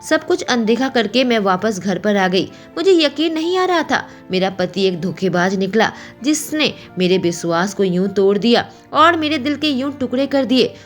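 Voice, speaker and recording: A woman narrating a romance story in first person, emotional and expressive. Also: fairly high pitch.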